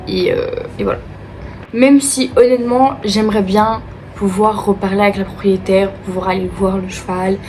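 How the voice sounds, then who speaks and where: A woman's voice: medium pitch, a little mellow. Young woman, Belgian French accent from Liège, upbeat casual chat, filler-heavy, slight background noise. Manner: chatty and upbeat, many fillers like euh and du coup. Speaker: vlogger.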